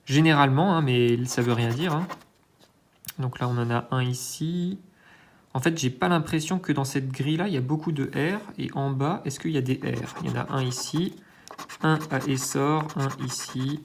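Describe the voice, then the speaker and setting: A scratch-card channel host, his medium-pitched voice showing vocal fry, comments at a moderate pace while scratching tickets, hesitant and thinking aloud, full of fillers and self-mockery. Slight background noise is present.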